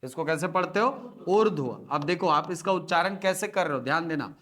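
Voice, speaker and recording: A man teaching Hindi spelling to a classroom, breaking words into letters slowly and often asking if students follow. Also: on the high side, bright, forceful tone. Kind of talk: classroom lecture.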